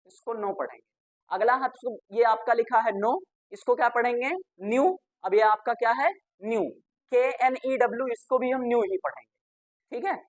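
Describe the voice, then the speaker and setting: A fairly high-voiced woman teacher runs a classroom grammar lesson. She spells each word out letter by letter, then fires a question at the class and answers it herself, with a joke for the pupils now and then. The sound is dry and close, with no room echo. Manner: spells words out letter by letter and repeats them.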